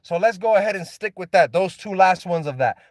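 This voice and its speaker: A man's voice: sits high, animated, fairly quick, no echo, clean studio sound. A man in an unscripted vlog, ranting with passion and a preachy tone, repeating and restarting as he goes. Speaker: vlogger. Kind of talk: unscripted driving vlog monologue. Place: inside a car.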